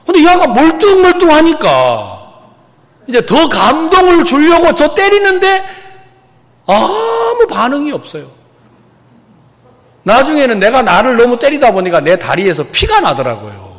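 A middle-aged male pastor preaching a sermon, telling a story with loud outbursts and hushed asides. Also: very high-pitched, big-room sound.

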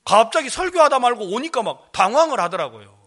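High, lively-voiced preaching man. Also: fairly quick. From Jeolla, South Korea. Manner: animated storytelling, acting out quoted speech, questioning the congregation. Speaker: pastor. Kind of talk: sermon.

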